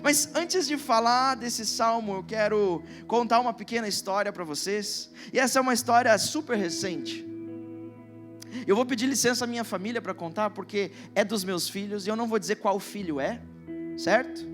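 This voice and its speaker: A middle-aged man with a Brazilian Portuguese accent preaching a sermon, telling a personal story and reading Scripture slowly and with emphasis. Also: high voice, music in the background. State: emotional. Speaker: pastor. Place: church stage.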